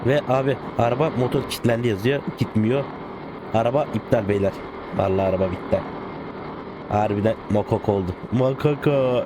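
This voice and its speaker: A man giving casual gameplay commentary as a gaming video host, excitable and joking, playfully swearing and talking to the cars. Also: medium pitch. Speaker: gaming YouTuber. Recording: game car sounds in the background. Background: game engine and car noise.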